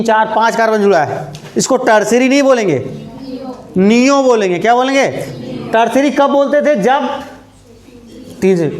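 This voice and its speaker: Male chemistry teacher, high voice, lectures in an echoey classroom, asks and answers his own questions. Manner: asks questions and answers them himself, repeats key terms; slows down while writing on the board. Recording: echoey room.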